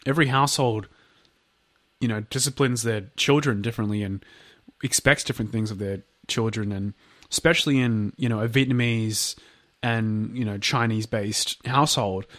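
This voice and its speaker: A man co-hosting a casual true-crime podcast rambles with lots of fillers and restarts, sounding a bit nasal from a blocked nose. His voice is fairly low and a bit bright, at normal speed, with no echo.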